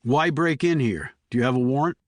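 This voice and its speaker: A man's voice: medium pitch, lively intonation, brisk, no room sound, studio quality, lightly acted. A man voicing a terse, controlled male army investigator in an audiobook.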